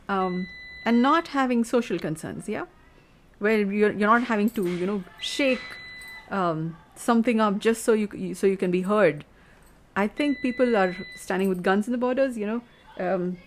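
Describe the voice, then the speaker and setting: A woman speaking alone into the mic in a thoughtful, wandering monologue. Her voice sits at a middle pitch, and she hunts for her words as she goes, often closing a point with a soft questioning "yeah?". A faint hiss of noise sits under her voice. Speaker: podcast host. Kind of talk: reflective solo monologue.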